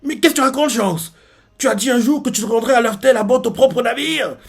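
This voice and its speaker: A man voicing a bitter, boastful adult male clown pirate with a high, indignant, shouted delivery. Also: normal speed, slightly rough. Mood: angry.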